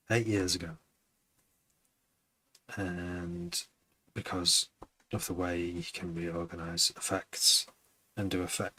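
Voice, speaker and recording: A man's voice: sits low, sharp tone, a little hiss or hum, poor audio. A man who produces music, chatting casually on a live stream, rambling and hesitant with many restarts.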